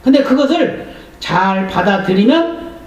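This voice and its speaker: A man's voice: high-pitched, big pitch swings, unhurried, muffled recording. A male pastor preaching a sermon in a church, telling a story with animation and voicing the people in it. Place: church sanctuary. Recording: very echoey hall, voice from far off.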